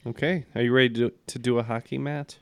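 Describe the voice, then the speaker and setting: A man's voice: medium pitch, fairly even intonation, quick pace, smooth, no room sound, studio quality. A man bantering casually as a panelist on a trivia show. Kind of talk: casual chat.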